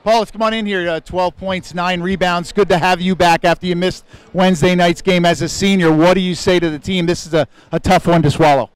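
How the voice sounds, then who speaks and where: Male sideline reporter, brisk high-pitched questions, handheld mic in an arena. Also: steady tone, clear, resonant tone, no echo, low-quality recording. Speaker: sideline interviewer. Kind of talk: postgame interview questions. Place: indoor arena.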